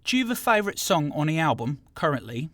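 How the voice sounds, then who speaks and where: A man's voice: on the high side, sing-song, quick pace, a bit bright, no echo. A man putting on a hammy South London accent to ask a joking question. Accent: South London, put on.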